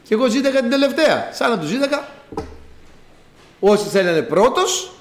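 A man pastor preaching a sermon to his congregation, swinging between loud exclamations and hushed asides. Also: very high-pitched, big pitch swings, echoey room.

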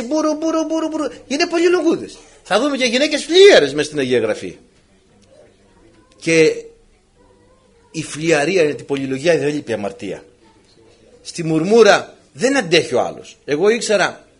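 Animated husky-voiced male preacher. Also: a little high. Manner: animated, playful, acts out the characters. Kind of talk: sermon.

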